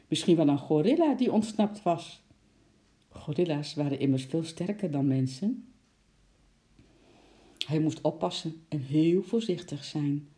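In a mid-range voice, a storyteller reads a children's book aloud with lively expression, acting out the sound words along the way.

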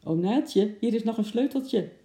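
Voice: medium pitch, expressive, unhurried, gravelly, mellow, voice pushed up. A narrator voicing a helpful young girl who coaxes and calls out, in a children's audiobook. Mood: coaxing. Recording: roomy echo.

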